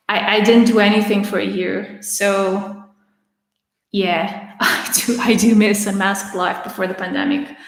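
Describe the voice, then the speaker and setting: Answering viewer questions on a relaxed livestream, a raspy twenty-something woman laughs often and keeps restarting her sentences. She seems to struggle to speak, her medium-pitched voice sounding slightly strained and ringing out through a large room with lingering reverb.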